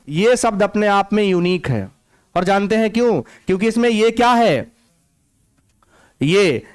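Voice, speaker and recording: A male Hindi teacher leads an exam-prep spelling lesson, drilling his students with repeated check-in questions. His voice sits high and rings smooth and clear. The sound is close and dry, with no room around it. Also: no echo.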